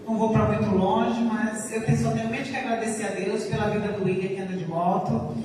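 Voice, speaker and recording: A woman's voice: mid-range voice, level tone, a little fast. A woman giving a simple, grateful testimony at a church service. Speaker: church member giving thanks. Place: church hall. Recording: echoey church hall from far off with background noise.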